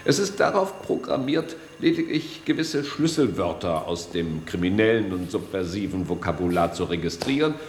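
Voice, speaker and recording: With a deep, very animated voice, an actor portrays the middle-aged male security chief of a German radio play, speaking formal, deliberate officialese. He comes across as authoritative, courteous, and guarded, keeping a smooth, guarded mood over a little hiss or hum.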